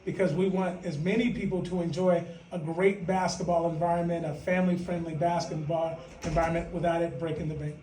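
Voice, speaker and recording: High-pitched man in an echoey room. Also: level tone, brisk, hardly any pauses, dark tone, recorded from a distance, a little hiss or hum. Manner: playful, boastful, banters. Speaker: podcast co-host, team representative. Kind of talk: casual chat.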